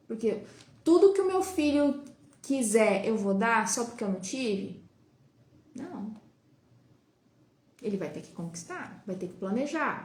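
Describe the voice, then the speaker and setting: A woman's voice: a little high, darkish tone. A woman with a Brazilian Portuguese accent hosting a live talk, chatting with viewers and asking many rhetorical questions. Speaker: host of a live talk on child development. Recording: roomy echo.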